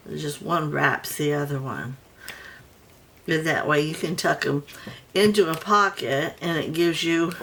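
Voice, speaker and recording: A woman's voice: on the low side, creaky, fairly bright tone, a little hiss or hum, poor audio. A woman vlogging casually from her home craft room, rambling and chatty as she works on a project. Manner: rambling, chatty, with many restarts. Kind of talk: casual crafting chat while working.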